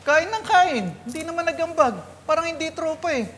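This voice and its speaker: A man's voice: very high-pitched, moderate pace, a bit bright, in a large hall, slight background noise. A man playing a grumbling, teasing drinking buddy in a comedy skit, needling his friends.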